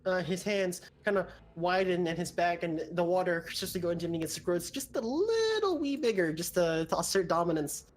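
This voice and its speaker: A man improvising descriptive narration as game master of a tabletop game, halting and conversational. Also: sits high, expressive. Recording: background noise.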